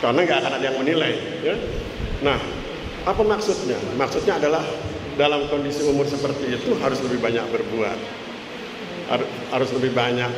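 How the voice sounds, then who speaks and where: A man in his sixties gives a motivational talk in a mosque, chatty and joking as he keeps turning to his listeners for a nod. His mid-range voice rings through a large, reverberant hall with steady background noise behind it. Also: medium pitch, fairly quick. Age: 60s. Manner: chatty and joking, often checking in with the audience with 'ya?'. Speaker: lecturer giving a mosque talk.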